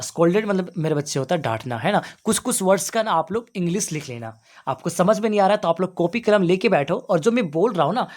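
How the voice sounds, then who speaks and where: A young man from Jharkhand teaching school students, reading each English exam question and explaining it in Hindi, repeating answers and asking them questions back. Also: fairly high pitch. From Jharkhand, India. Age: young adult.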